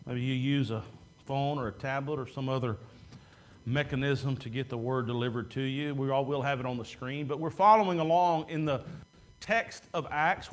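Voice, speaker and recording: A man preaching a sermon from the pulpit in a church sanctuary, talking in a conversational way and drawing words out for emphasis, picked up by a camera at the back of the room. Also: a little high. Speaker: pastor. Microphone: far camera at back of room.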